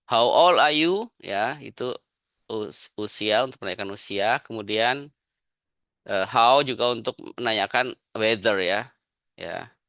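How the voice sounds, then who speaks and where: A man's voice: on the low side, unhurried, vocal fry, bright, forceful tone, no echo. A man with an Indonesian accent teaching an English grammar lesson to a class, explaining patiently and often tagging his phrases with a questioning "ya".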